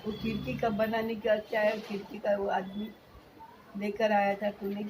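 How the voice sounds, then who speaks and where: An older woman argues back at her son, defensive and blaming, often cutting into his sentences. Her pitch is ordinary for a woman. Clear noise runs under her voice. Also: monotone, measured pace. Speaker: mother. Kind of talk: heated family argument.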